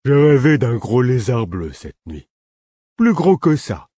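A man's voice: mid-range voice, sing-song, measured pace, dark tone, breathy edge, no room sound, pitched above the performer's own voice. A man voicing a simple-minded, childlike little man who blurts out short, sulky or gleeful phrases in an audiobook. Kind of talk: audiobook character voice.

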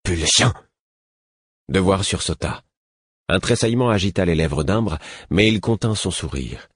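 A man narrates a novel in a measured, even reading voice. His pitch sits very low and carries a husky grain. The dry, close-miked sound has no room around it. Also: dry recording. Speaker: audiobook narrator. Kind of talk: scripted narration.

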